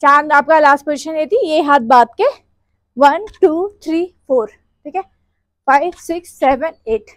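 High-voiced woman counting dance beats. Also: measured pace, fairly bright tone, no echo. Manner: counts beats aloud and sings along to the steps. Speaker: dance teacher. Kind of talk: dance tutorial instruction with counting.

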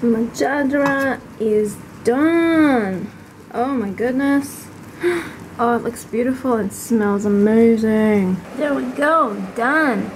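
In a rough recording with slight background noise, a woman in her twenties speaks slowly in a fairly high voice. Her casual cooking vlog is shot handheld in a small apartment kitchen, and she stays bubbly and enthusiastic, sampling the food on camera.

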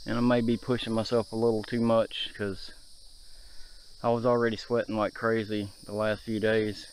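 A man's voice: on the low side, level tone, normal speed, slight background noise. A man in his thirties chatting easygoingly to viewers as he hikes through a forest to a creek, filmed on an action camera. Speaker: outdoor vlogger. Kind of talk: casual hiking vlog narration to viewers. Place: outdoors in a forest by a shallow creek. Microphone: handheld or body-mounted action camera.

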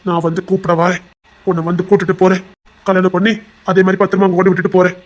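A man's voice: sits high, level tone, quick pace, lo-fi sound, lightly acted. A man with a Tirunelveli Tamil accent playing a young male heart doctor, a possessive lover who pleads and turns to threats. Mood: threatening. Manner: pleading, insistent, turning threatening. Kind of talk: audio drama acting.

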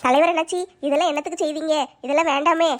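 A woman's voice: high-pitched, steady tone, racing, faint music behind. A woman playing an emotional daughter-in-law in a family skit. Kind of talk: family comedy skit acting.

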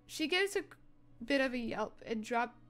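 A woman's voice: fairly high pitch, lively intonation, measured pace, a bit bright. Young woman narrating a role-play story. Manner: casual narration with fillers and restarts. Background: faint music.

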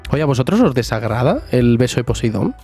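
A man's voice: medium pitch, big pitch swings, fast talker, dark tone, breathy edge, soft background music. A man streaming a life-sim game live, chatting jokily with viewers and talking to his character. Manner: chatty, jokey, talks to chat and to the sim. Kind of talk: casual live gameplay chat.

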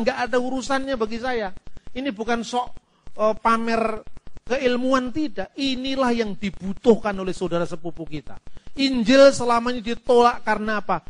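A middle-aged man with a notably high voice teaches like a preacher, telling anecdotes along the way. He swings from loud, ringing declarations down to soft, confiding asides. At times he chants scripture in Hebrew. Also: rough recording. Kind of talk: sermon-style teaching talk with anecdotes.

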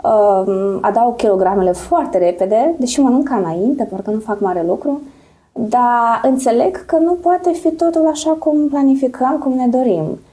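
A woman's voice: fairly high pitch, dark tone. A pregnant woman in her thirties with a Moldovan accent, a singer and presenter speaking candidly and animatedly as an interview guest, laughing often. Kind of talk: relaxed interview chat.

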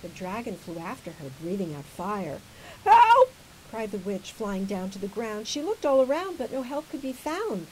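A woman reading a children's picture book aloud with expressive, theatrical, deliberate phrasing. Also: mid-range voice, slight background noise, poor audio. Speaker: storybook reader.

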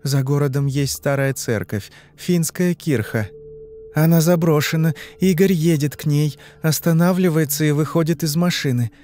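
A man voicing a frightened young woman under hypnosis in an audiobook, answering in short, halting phrases. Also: fairly high pitch, a little mellow, a little hiss or hum, voice pushed up, close to an everyday voice. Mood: uneasy. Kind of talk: audiobook reading.

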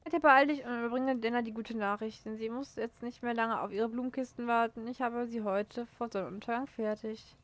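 A woman's voice: on the high side, steady tone, a little fast, few pauses, lightly acted. A woman reading the lines of an earnest male carpenter from a horse game, in a light voice.

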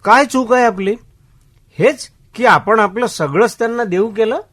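A man's voice: sits high, moderate pace, fairly bright tone. An actor playing an elderly man who speaks bluntly and lectures his friend about neglectful children. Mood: bitter. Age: older. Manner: blunt, lecturing, plain-spoken. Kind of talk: radio drama acting.

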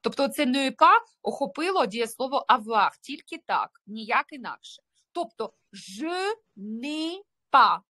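Russian-native woman, French teacher on a video call, patient, keeps asking if you follow, fairly high voice. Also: animated, normal speed, bright, forceful tone. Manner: explains patiently, checks understanding with tag questions. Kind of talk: online language lesson.

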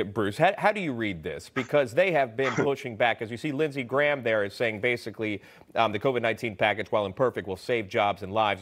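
A man hosting a cable news interview, running briskly through quotes before putting questions to his guest. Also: medium pitch, fairly bright tone. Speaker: news host.

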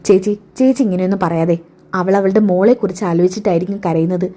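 A woman voicing a resolute young woman in a retold serial, firm and protective. The delivery is quick and the tone mellow. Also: lowish voice, steady tone, lightly acted. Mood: determined.

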